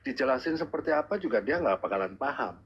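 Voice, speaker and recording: A man's voice: mid-range voice, animated, fast talker, a bit bright. A man calling into a live stream, giving earnest, repetitive advice in a casual way. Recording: husky muffled lo-fi call audio.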